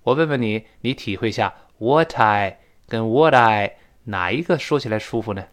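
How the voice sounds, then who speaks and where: A man teaching spoken English in Chinese, explaining pronunciation and acting out sounds and sighs. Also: fairly low pitch. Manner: lively, demonstrates pronunciation with drawn-out sounds. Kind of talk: spoken English lesson podcast.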